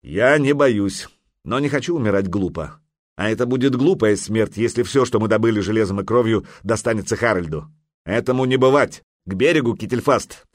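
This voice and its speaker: A man voicing a resolute viking chieftain who speaks calmly, firmly and with command. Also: on the low side, a little fast, no echo, clean studio sound, close to an everyday voice. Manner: calm, firm, commanding. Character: stern, resolute male viking jarl.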